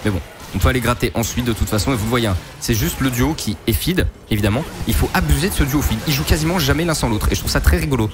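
A man talks through a competitive game replay at a rapid clip, explaining each play in an easy, slang-heavy way. His voice sits at an ordinary pitch for a man. Clear music plays underneath the whole time. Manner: fast, lively explanatory gamer slang. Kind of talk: esports replay commentary. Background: background music.

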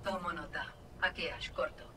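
A woman's voice: low-pitched, fairly even intonation, normal speed, echoey room, recorded from a distance, noisy background, lightly acted. A woman voicing a cold, haughty robotic mercenary villain in a video game, sardonic, precise and detached. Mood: cool, sardonic.

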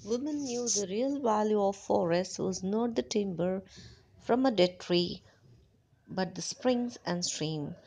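A woman's voice: medium pitch, darkish tone, rough recording. A young woman teaching a textbook lesson, reading and explaining it in short phrases.

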